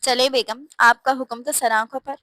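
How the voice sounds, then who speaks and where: A playful young husband from a storybook who keeps teasing his wife, read by a woman. The voice sits a little high and sounds dry and close, with a light, joking manner. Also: fairly even intonation, normal speed, pushed and bright, no room sound.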